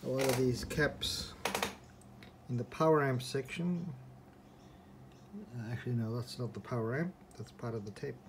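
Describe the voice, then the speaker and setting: A man with a medium-pitched voice speaks at a normal speed, pausing often as he thinks aloud. He's a hobbyist restorer giving an informal, unscripted, somewhat hesitant walkthrough of a repair at a desk indoors. It's filmed on a handheld phone or camera from behind the lens, with background noise.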